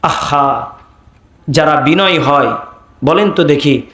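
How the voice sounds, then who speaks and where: A preacher speaking in a bright voice, narrating calmly and conversationally to a crowd. His words echo through a public-address system at an open-air gathering. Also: a little high, slow. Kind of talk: sermon storytelling. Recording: echoey public-address sound.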